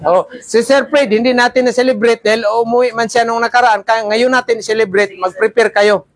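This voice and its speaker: A man's voice: extremely high pitch, fairly even intonation, brisk, dry recording. A man teaching a class of seafarer trainees, lecturing and often checking in with "ha?" and "di ba?". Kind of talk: classroom talk.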